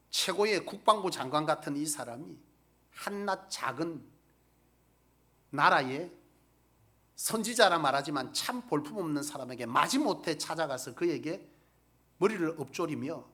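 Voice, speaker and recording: A man preaching a sermon in a high, bright voice that leaps up and down in pitch. He presses his points with rhetorical questions to the congregation. His delivery moves between loud emphatic bursts and near-whispers. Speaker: pastor.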